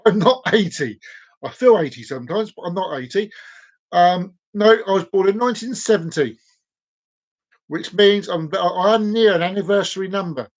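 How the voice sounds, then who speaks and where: On his live stream, a man in his forties speaks directly to viewers in a high, animated voice at a moderate pace. He keeps it loose and casual, rambling playfully and repeating phrases.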